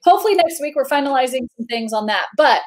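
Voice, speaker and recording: Hosting a casual live-stream chat, this woman from Indiana in the US sounds bubbly and giggly, rambling along with plenty of fillers. Her voice is high and animated, and she talks fast.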